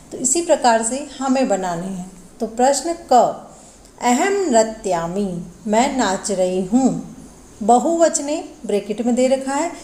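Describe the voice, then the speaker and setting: Slow, high-voiced woman teaching a lesson. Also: mellow, roomy sound. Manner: reads each Sanskrit line slowly, then explains it in Hindi. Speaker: Sanskrit teacher. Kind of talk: textbook lesson explanation.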